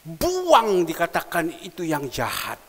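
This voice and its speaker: A male pastor with an East Javanese Indonesian accent preaching a sermon in a church. He swings from loud, emphatic declarations to quiet, confiding asides. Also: on the high side, wildly swooping pitch, slow pace. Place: church hall. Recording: long church reverb with faint hiss.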